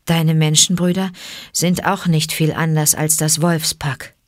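A woman reading aloud, voicing a calm old male wolf in a matter-of-fact tone. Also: deep voice, a little slow, no room sound, clean studio sound.

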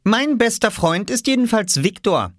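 A man voicing a hot-tempered, jealous young boy who bursts out in shrill, indignant protests, in a storybook reading. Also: very animated, moderate pace, a bit bright, no echo. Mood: matter-of-fact.

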